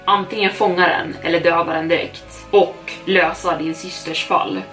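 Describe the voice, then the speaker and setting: Woman voicing a calm, cryptic male detective. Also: on the low side, faint music behind, close to an everyday voice. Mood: intense. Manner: calm and intense.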